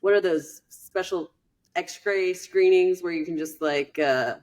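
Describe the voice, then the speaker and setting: Female co-host, sympathetic and inquisitive, lower-pitched voice, relaxed chat. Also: takes it slowly. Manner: curious, sympathetic, asks questions. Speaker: podcast co-host. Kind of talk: casual podcast chat.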